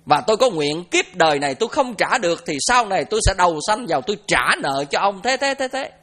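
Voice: mid-range voice, very animated, fast, a bit bright. Teacher doing a dutiful son owning up to an old theft, southern vietnamese accent, earnest. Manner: earnest, confessing.

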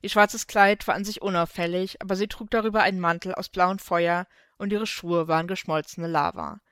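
Smooth, close woman narrating a story. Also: fairly low pitch, animated, moderate pace, fairly bright tone, no echo. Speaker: fanfiction reader. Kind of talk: scripted narration of a fan story.

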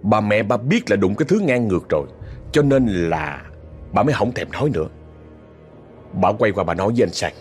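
Over soft background music, a Southern Vietnamese–accented man narrates a ghost story in a chatty, direct-to-listener style, with indignant asides along the way. His lowish voice is animated and a little fast, marked by long pauses.

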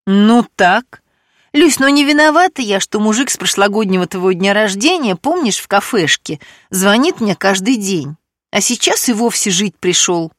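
A woman's voice: medium pitch, expressive, normal speed, dry recording, clean studio sound, lightly acted. A woman reading an audiobook, voicing a brash, scheming female friend in a raised, pushy voice. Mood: defiant.

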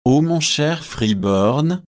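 A man's voice: fairly high pitch, lively intonation, darkish tone, voice pushed up. A man reading an earnest young debater. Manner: slow, measured delivery.

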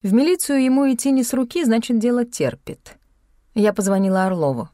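A woman reading a first-person story aloud in a measured, wry manner. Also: a little high, lively intonation, dark tone, dry recording, studio quality. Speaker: audiobook narrator. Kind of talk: first-person scripted narration.

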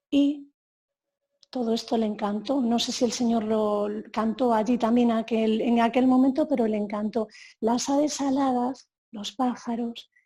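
A woman's voice: a little high, dark tone, slightly rough. A woman from Galicia, Spain, an organist and choir director, talking fluently as a guest in a casual interview.

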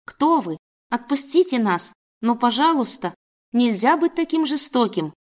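A woman voicing a frightened young woman held captive, who speaks in a pleading, urgent way, raising her pitch slightly. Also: expressive, measured pace, darkish tone.

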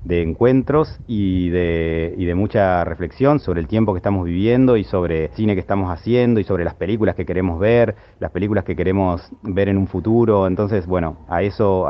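The recording is dull and lo-fi. An Argentine man with a deep voice answers in an interview, speaking off the cuff and haltingly, repeating words as he searches for the next thought. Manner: halting, repeats words while thinking aloud. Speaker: festival artistic director, interviewee.

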